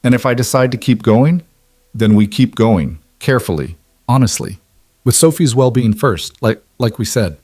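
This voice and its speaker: A man voicing a calm, firm, successful woman in an audiobook, speaking steadily. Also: mid-range voice, moderate pace, slightly rough, no echo, studio quality, natural voice. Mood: steady. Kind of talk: scripted audiobook narration.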